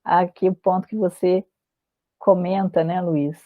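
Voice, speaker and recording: A woman teaching a literature class, reading passages aloud and often pausing to say "né". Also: on the low side, little pitch movement, no room sound. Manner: frequent filler "né", halting restarts. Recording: dry, tinny phone-like audio.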